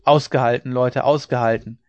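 A hot-tempered dike-reeve shouts his orders over the storm, all command and no patience, as a male narrator gives him voice. The storybook reading sounds slightly muffled and dry, without room echo, and the voice sits at an ordinary male pitch. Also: normal speed, lightly acted. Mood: urging. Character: stern, fiery dike-reeve on horseback, adult man. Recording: slightly dull lo-fi recording.

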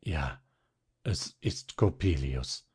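A man voicing a gentle, frightened father in a storybook reading, speaking in a faint, broken, pleading way. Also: low-pitched, expressive, slow pace, breathy edge, voice pushed down, heavily acted. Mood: resigned.

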